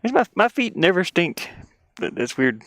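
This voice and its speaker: A game developer livestreams from a heated van, rambling and thinking aloud in casual chat while he works. His high-pitched voice is very animated and fairly bright, with vocal fry and a moderate pace; the sound is clean and studio-like with no echo, apart from the diesel heater's hum and clicking.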